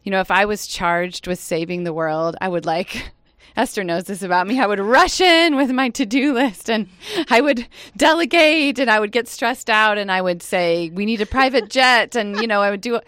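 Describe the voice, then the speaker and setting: A woman hosting a campus radio hour from a studio, chatting in a lively way and laughing often. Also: mid-range voice, moderate pace, hardly any pauses, clear, resonant tone, no echo. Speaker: radio show host. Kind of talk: casual campus radio chat.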